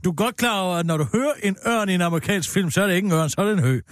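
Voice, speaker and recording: A man's voice: high-pitched, dry recording, clean studio sound. A man in a comedy sketch with a pompous, opinionated way of rambling.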